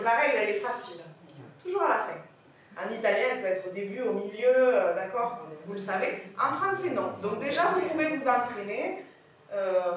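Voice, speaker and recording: A woman French teacher giving an animated lecture on pronunciation, checking in with her audience as she goes. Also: fairly high pitch. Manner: animated, corrects pronunciation, asks the audience questions. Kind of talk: lively classroom lecture. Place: lecture hall. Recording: echoey hall from far off, faint hiss.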